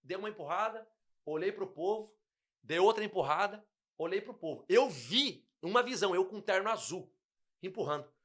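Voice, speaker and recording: Speaking at a moderate pace, the young guest pastor recounts his personal testimony in casual conversation, emotionally acting out the dialogue. His voice is expressive, sits high, and is a bit bright.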